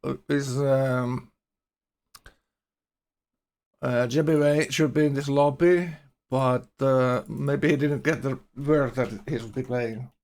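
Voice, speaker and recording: A man casually commentating a game tournament on a live stream in a loose, halting, rambling way, his speech slightly awkward from a numb mouth. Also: medium pitch, steady tone, a little mellow.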